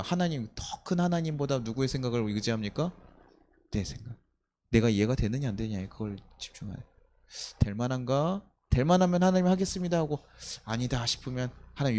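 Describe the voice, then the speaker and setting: A male pastor delivers a sermon in a church at a mid-range pitch, firing rhetorical questions at the congregation. He animates his points by jumping into quoted voices. A faint hum of room ambience sits behind him. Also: darkish tone. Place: church sanctuary.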